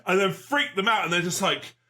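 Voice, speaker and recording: A man's voice: high-pitched, lively intonation, brisk, a loud crowd. A man co-hosting a podcast, chatting casually and animatedly, swearing freely and joking. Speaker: podcast co-host.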